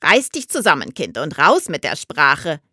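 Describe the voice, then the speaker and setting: A brisk older mother, as a woman reader puts her on, snaps her words out curtly and with command. Her voice swings widely in pitch and sits close and dry. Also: huge pitch swings, pushed and bright, slightly rough, no echo, exaggerated voice. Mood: brisk, stern. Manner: curt, commanding.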